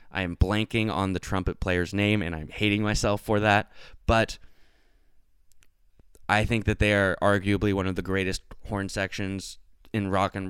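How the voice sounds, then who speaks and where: A young man hosting a podcast, chatting casually and enthusiastically with quick asides and the odd swear. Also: sits low, clean tone, no echo, clean studio sound. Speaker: podcast host. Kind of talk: casual chat.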